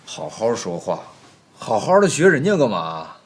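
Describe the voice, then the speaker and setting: An actor playing a flustered young master of a household in a comedic period TV drama, scolding and coaxing by turns in an exasperated way. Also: male voice, medium pitch, wildly swooping pitch, moderate pace, a little hiss or hum. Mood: annoyed. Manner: exasperated, scolding, jumps between coaxing and alarm. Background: background music.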